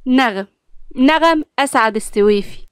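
A woman's voice: high voice, moderate pace, clear, resonant tone, no room sound, clean studio sound, lightly acted. A woman with an Egyptian accent voicing an angry, scheming middle-aged mother in an audio story. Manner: angry, scolding.

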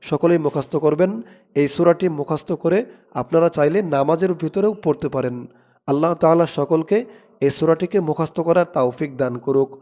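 A man teaching Quran recitation, spelling words letter by letter and chanting them slowly, with quick spoken explanations in between. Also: fairly high pitch, fairly even intonation, dark tone. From Bangladesh. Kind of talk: slow spelled-out recitation lesson.

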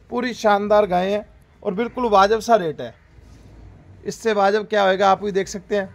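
Farm host, high-pitched male voice, upbeat salesman patter in an outdoor cattle yard on a phone mic. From Rajasthan, India. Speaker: dairy farm host selling livestock. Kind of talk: casual livestock sales pitch.

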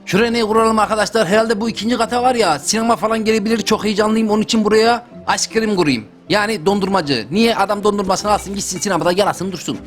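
A young man narrates a let's-play for his gaming channel at a quick pace with few pauses, his voice high-pitched. Faint music sits behind his excitable, joking chatter to viewers.

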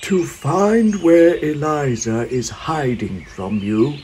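A man voicing a wicked, cruel male wizard who gloats and speaks in a slow, drawn-out, booming way. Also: a little mellow, slight background noise. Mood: gloating.

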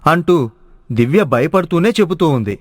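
A man narrating a cartoon family story in an even, measured storytelling way. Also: a little high, no echo, studio quality.

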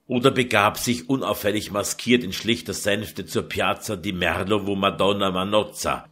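A man reading a historical novel aloud in measured scripted narration. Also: fairly low pitch, fairly bright tone. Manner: measured storytelling. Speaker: audiobook narrator.

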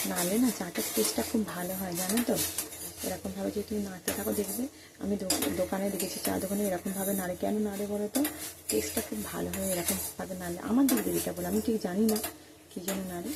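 A woman talking softly and chattily to her viewers while cooking at home in the early morning. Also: mid-range voice, fairly even intonation, fast talker, creaky. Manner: speaks softly and quietly; chatty, addresses viewers directly. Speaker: vlogger. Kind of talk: casual cooking vlog. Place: home kitchen at dawn. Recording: noisy home recording.

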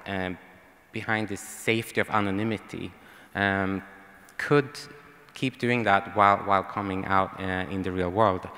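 A low, fairly bright voice with vocal fry belongs to a young man from Sweden speaking with a Swedish accent at a panel. He holds a handheld mic on stage in a large hall, hesitating often with ums and restarts, while long hall reverb colors the sound.

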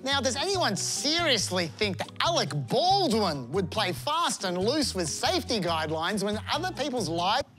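An Australian man in his forties delivers a scripted comic explainer straight to camera, his pitch leaping about as he plays sarcastic and mock-offended. A music bed runs under his voice. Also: moderate pace, hardly any pauses. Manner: lively, sarcastic, mock-indignant. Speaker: comedy presenter. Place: airport lounge and plane cabin.

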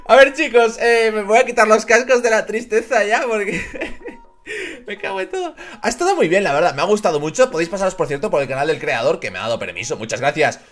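A man's voice: sits high, big pitch swings, quick pace, fairly bright tone. A young man from Spain with a Spanish accent, hosting a casual video reaction with joking, exaggerated outbursts. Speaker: YouTube reaction host.

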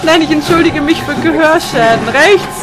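A woman's voice: sits high, normal speed. A woman co-hosting a casual let's play, jumpy and frantic, often screaming and chattering in panic.

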